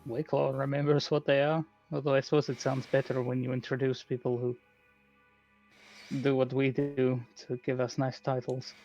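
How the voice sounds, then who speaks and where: Gravelly man playing a tabletop game. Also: mid-range voice, level tone, normal speed, a little mellow, faint music behind. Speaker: player. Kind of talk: casual tabletop game play. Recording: dull lo-fi mic.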